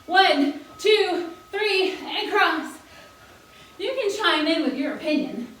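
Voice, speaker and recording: A fitness instructor with a high, bright, animated voice leads a seniors' exercise class unhurriedly, chatting, laughing, and joking while counting out moves. She sounds far from the mic in a very echoey fitness room with faint hiss.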